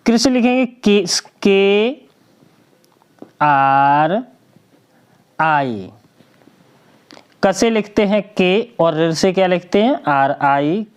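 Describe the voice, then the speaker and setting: A woman's voice: fairly low pitch, lively intonation, very slow, long pauses, smooth, dull audio. A woman teaching a spelling lesson, patient and drawn out, spelling letters one by one and answering her own questions. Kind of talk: slow classroom lesson.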